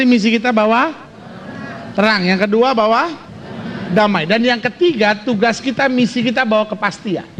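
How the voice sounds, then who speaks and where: A man preaching a sermon as pastor, lively and joking, quizzing his congregation. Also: extremely high pitch, a little hiss or hum.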